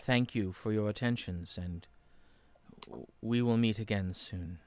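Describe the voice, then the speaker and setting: A man voicing a formal council leader who speaks in measured, ceremonial phrases. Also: fairly low pitch, a little mellow, natural voice. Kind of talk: tabletop role-play voice.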